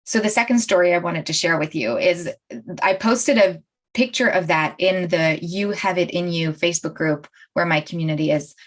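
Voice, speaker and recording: A woman's voice: lowish voice, moderate pace. A woman life coach hosting a live-streamed talk, chatting directly to her viewers and laughing often as she speaks. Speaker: life coach and show host.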